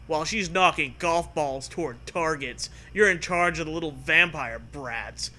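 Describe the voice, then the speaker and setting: A host reads a choose-your-own-adventure story aloud for comedy, breaking into jokey, profane riffs with a theatrical delivery. His voice is on the high side, unhurried and bright, with a forceful tone.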